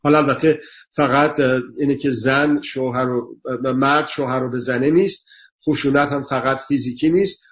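A man's voice: mid-range voice, fairly even intonation. A man speaking earnestly on a talk show, lecturing through emphatic repeated lists. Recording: dull lo-fi sound.

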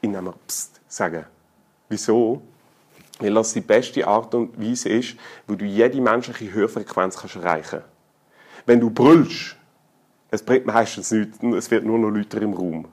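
A middle-aged man with a Swiss German accent delivers a sermon in a colloquial, funny style, shifting between loud exclamations and quiet, intimate moments. His voice is fairly low and unhurried.

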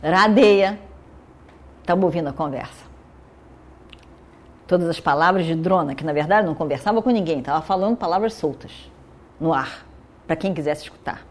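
A woman telling an epic story in an animated way, switching between the characters' voices. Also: fairly low pitch, normal speed, long pauses.

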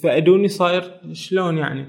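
A man's voice: sits high, fast, gravelly, darkish tone, voice pushed up. A man voicing a curious, childlike alien boy who keeps asking puzzled questions.

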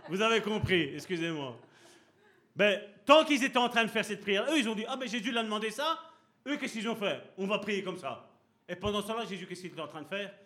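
A man preaching a lively, conversational sermon, acting out little scenes and asking his listeners questions. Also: high-pitched. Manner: animated, acts out little scenes and voices; conversational, asks the congregation questions.

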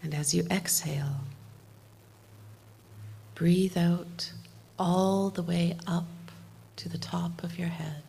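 A woman leading a guided meditation like a sleep story narrator, speaking gently in short, unhurried phrases with long pauses. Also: fairly low pitch, steady tone, creaky, slightly rough.

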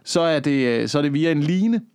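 A man's voice: on the high side, lively intonation, a little mellow, clear, resonant tone, no echo. Rambling man telling stories, dry close mic. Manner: rambling storyteller, swears casually. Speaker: podcast co-host. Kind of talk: casual podcast chat.

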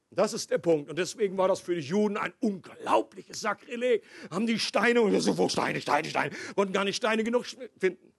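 A man's voice: high-pitched, breathy edge, no room sound, clean studio sound. A man preaching a sermon, explaining scripture in a conversational way with asides and restarts.

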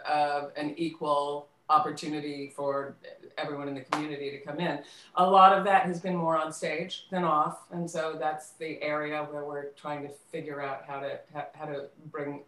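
A theater company co-director, appearing as an interview guest, tells stories in an animated, casual way, quoting dialogue and pausing haltingly to find words. Her voice is low, and the distant mic captures a roomy, strongly echoing space.

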